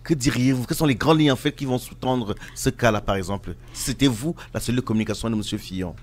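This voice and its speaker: A man's voice: mid-range voice, fast. A man hosting a local radio news magazine, interviewing a guest and introducing reports, with many fillers and restarts. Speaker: radio host.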